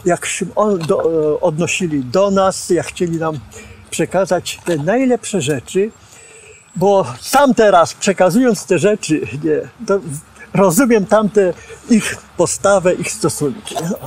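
An older man with a high voice recalls his teachers with lively, gesturing storytelling. He stands outdoors and is picked up on a boom microphone, with faint ambient noise around him. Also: takes it slowly. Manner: animated storyteller, gestures while speaking, acts out quotes. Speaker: former student and preacher recalling his teachers. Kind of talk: reminiscing interview. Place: outdoors on a campus lawn.

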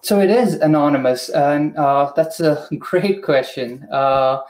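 A man explaining a technical process on a video call, measured and methodical, with frequent pauses and "uh" fillers. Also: a little high, a little mellow. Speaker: product expert guest. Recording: echoey room.

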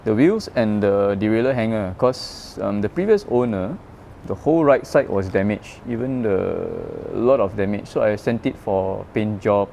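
A man raised in Malaysia chats as a guest about his road bike in an open parking garage at night, in a casual interview. His voice is fairly low with vocal fry at normal speed, over a little hiss or hum; he's chatty, animated in stories, full of fillers and restarts.

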